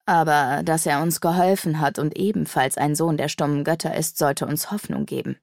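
Calm male sage, measured, reasoning, lowish voice, storybook, done by a woman. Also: gravelly, no room sound, clean studio sound.

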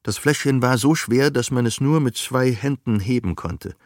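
A man narrating a novel as an audiobook in a measured, even storytelling manner. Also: medium pitch, no echo, clean studio sound. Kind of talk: scripted narration.

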